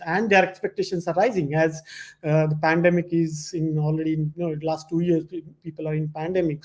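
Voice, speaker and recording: Male presenter, moderately high pitch, informal explanatory slide talk with hesitant, repetitive phrasing. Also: darkish tone, poor audio. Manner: hesitant, halting phrasing with frequent repetition and "you know".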